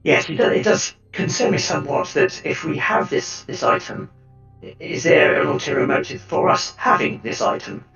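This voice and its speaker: A man playing a hooded augmented character with a mechanical voice unit, talking through a voice changer in a halting, hesitant way. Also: a little high, creaky, a bit bright, voice pushed up. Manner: halting, hesitant, full of fillers. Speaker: tabletop game player. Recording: echoey, distant, dull with music.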